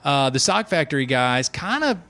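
A very animated man of forty, speaking at normal speed in a medium-pitched voice that sounds pushed and bright, banters casually as host of a sports podcast. He jokes around and frequently restarts what he's saying.

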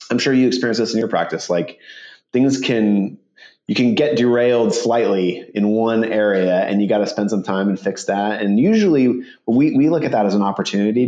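A man's voice: lowish voice, warm tone, highs cut off. A man talking casually as a podcast guest, chatty, informal and self-deprecating, like a business founder. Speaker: podcast guest, startup accounting firm founder. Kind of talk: casual interview talk. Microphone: remote call with headphones.

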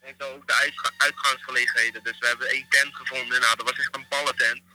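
Laid-back guy telling a story over a call, really sharp bright voice. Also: medium pitch, level tone, fast talker, rough recording. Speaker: remote guest. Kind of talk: casual chat over a call.

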